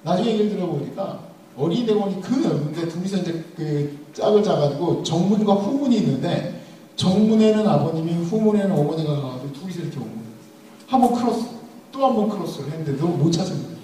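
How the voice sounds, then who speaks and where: A man's voice: sits high, expressive, quick pace, warm tone, a little hiss or hum. A man around thirty giving a sermon, telling a funny personal story and speaking straight to his listeners. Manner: humorous storytelling, addressing the audience directly. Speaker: preacher. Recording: echoey hall, mic at a distance.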